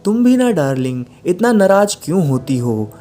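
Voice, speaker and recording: A man's voice: fairly high pitch, takes it slowly, faint music behind. A man doing a cheerful, coaxing father. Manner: coaxing, relaxed. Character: cheerful easygoing father of two.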